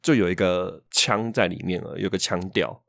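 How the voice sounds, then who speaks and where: A man's voice: low-pitched, moderate pace, creaky, a bit bright, dry recording, studio quality. A man, chatting casually as a podcast co-host. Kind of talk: casual chat.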